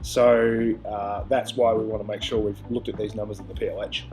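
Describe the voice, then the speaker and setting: A man's voice: fairly low pitch, little pitch movement, fairly quick, music in the background, low-quality recording. A man presenting as a pilot, explaining aircraft details in an informal, instructional way.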